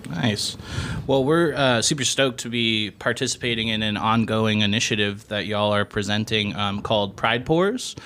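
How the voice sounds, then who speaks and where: A man's voice: lowish voice, normal speed, fairly bright tone. Laid-back, joking man host. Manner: laid-back, jokey, slangy. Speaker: podcast host. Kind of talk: casual podcast hosting.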